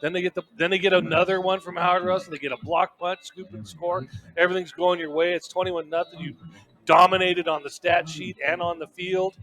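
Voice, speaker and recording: A man's voice: high-pitched, little pitch movement, a little fast, a bit bright. A man giving color commentary on a college football radio broadcast, opinionated and emphatic. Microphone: broadcast booth microphone.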